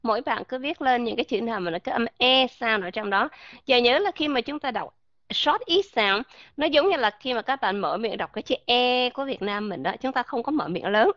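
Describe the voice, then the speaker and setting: A woman teaching English pronunciation in a live online class, encouraging and slowly repeating words as drills. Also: a little high, lively intonation, a bit bright, dry recording, highs cut off. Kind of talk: live online voice-chat lesson.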